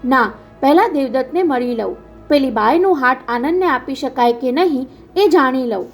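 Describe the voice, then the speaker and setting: A man's voice: very high voice, animated, normal speed, faint music behind. A woman voicing an anguished, impatient older father who talks in an urgent, pleading way, in a storybook reading.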